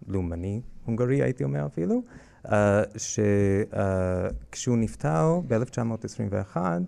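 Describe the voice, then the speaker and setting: A man from the United States with a strong American, native-English accent in Hebrew, explaining things in an interview in a halting way with frequent hesitations. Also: mid-range voice, animated, creaky, dark tone. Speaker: guest curator of a library collection.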